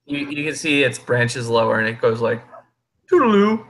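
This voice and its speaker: A man narrating a tabletop game as game master, improvising in a halting way. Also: medium pitch, fairly even intonation, fairly bright tone, slight background noise.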